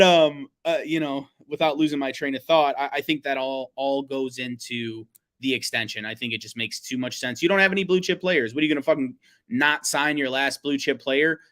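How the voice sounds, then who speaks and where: A man's voice: medium pitch, fairly bright tone. Profane, rambling male podcast co-host. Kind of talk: casual sports podcast chat.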